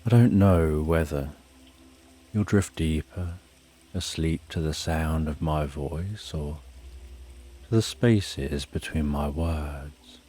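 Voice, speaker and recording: Really deep mellow guy doing a slow hushed sleep story, soothing, guiding you to relax. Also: slightly rough. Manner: soothing, unhurried, hushed delivery. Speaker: sleep story narrator and host. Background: soft music and rain.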